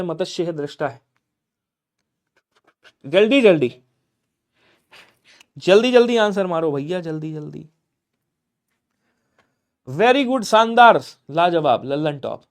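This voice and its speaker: Lively high-voiced man teaching online. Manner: lively, coaxing students to answer, sudden loud emphasis. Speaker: Hindi exam teacher. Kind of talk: live online class.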